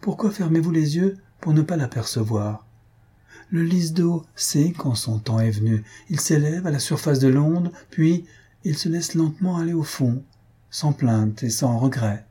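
A man's voice: a little high, expressive, unhurried, warm tone, breathy edge, pitched above the performer's own voice. A man reading an audiobook, voicing a weary, melancholy noblewoman who longs to leave the world, in a sorrowful, earnest tone.

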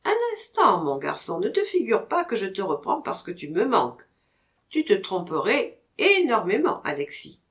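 A woman playing a teasing, witty gentleman master. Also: medium pitch, sing-song, normal speed. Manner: teasing, mock-stern banter. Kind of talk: audiobook character reading.

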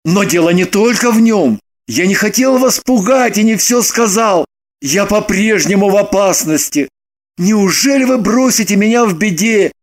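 An actor playing an excitable young man who bursts into shouts and pleads desperately. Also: sits high, moderate pace. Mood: pleading. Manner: loud, shouting outbursts.

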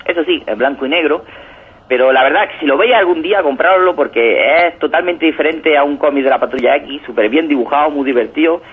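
Husky-voiced male radio commentator, eager and digressive. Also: fairly high pitch, brisk. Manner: enthusiastic, rambling, keeps tagging "¿no?". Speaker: comics reviewer on a radio show. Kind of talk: casual radio chat. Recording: tinny phone-like radio audio.

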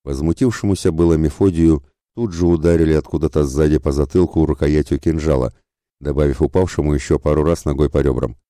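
A man narrating an adventure audiobook in a steady, measured storytelling manner. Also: rumbling low, no room sound, clean studio sound. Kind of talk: scripted narration.

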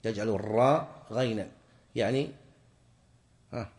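A man teaching a classroom lesson on religious law, explaining point by point and quizzing his students with quick questions. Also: on the low side, a little mellow. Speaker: sheikh teaching jurisprudence.

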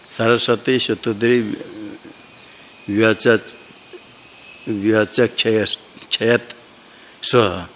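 A man works through a grammar text like a teacher in class. His voice sits low and his pace is very unhurried. He pauses, repeats terms and corrects himself as he thinks aloud. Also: a bit bright, slight background noise.

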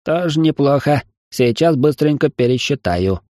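Grumpy robot mechanic in an audiobook, voiced by a male reader, high and irritable, dry sound. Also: animated, moderate pace, dark tone, no echo, lightly acted. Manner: griping, irritable.

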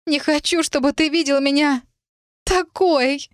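A woman reading an audiobook voices a hot-tempered, stubborn young woman student who shouts in a raised pitch. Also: lively intonation, brisk, no room sound, studio quality, close to an everyday voice. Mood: furious sobbing.

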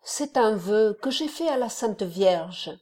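A woman's voice: mid-range voice, lively intonation, slow, warm tone. A woman voicing a young devout village bride who speaks in an earnest, pleading way.

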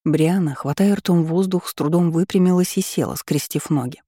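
Woman audiobook narrator, calm and even, mellow tone, dry close sound. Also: fairly low pitch, normal speed, no echo. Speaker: audiobook reader. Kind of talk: scripted first-person narration.

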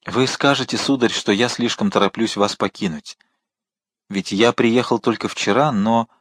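A man's voice: on the low side, fairly even intonation, moderate pace, a bit bright, breathy edge, no echo. A man reading the part of an eager, respectful young viscount who speaks earnestly and politely.

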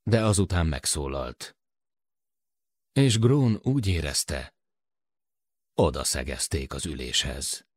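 A deep-voiced male narrator reads a novel aloud in measured, expressive storytelling, his pitch rising and falling a lot. The studio sound is dry and close to the mic. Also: husky, no echo. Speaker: audiobook reader. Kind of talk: scripted narration.

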